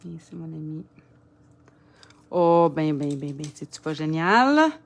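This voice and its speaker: A woman with a Quebec French accent demonstrates papercraft in a casual tutorial, chatting and muttering to herself while she works. Her voice is deep and gravelly, with lively intonation and a slow pace.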